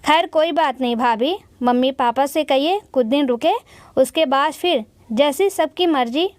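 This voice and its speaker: Woman reads young soldier husband, polite, high, dry close sound. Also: a little slow, dry recording. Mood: bitter.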